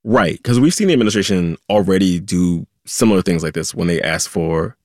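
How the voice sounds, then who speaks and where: A man's voice: sits low, brisk, a little mellow, dry recording, studio quality. A man hosting a news podcast, reacting casually in conversation. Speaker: podcast host.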